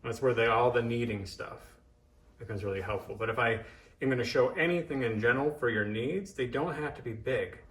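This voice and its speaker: A man's voice: medium pitch, a little fast, fairly bright tone. A man giving an informal hands-on demonstration as an instructor, thinking aloud and coaching in short cues. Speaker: massage therapist and instructor. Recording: echoey room, distant microphone.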